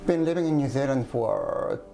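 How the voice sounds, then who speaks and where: A man in his fifties from Japan, with a Japanese accent, speaking haltingly with many pauses as an interview guest. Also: medium pitch, gravelly, warm tone, faint music behind. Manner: hesitant, halting, many ums and restarts. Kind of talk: casual interview.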